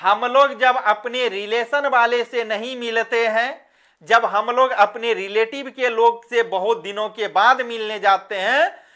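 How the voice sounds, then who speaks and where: A woman teacher, giving a grammar lesson and acting out her example sentences in a drawn-out voice. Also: on the high side, steady tone, fairly bright tone.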